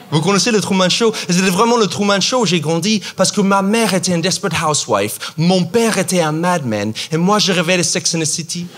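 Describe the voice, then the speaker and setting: Performing a French-language comedy set on a theater stage, an American-accented New Yorker, a native English speaker, delivers animated mock outrage punctuated by sudden shouts and sing-song asides, his voice on the high side.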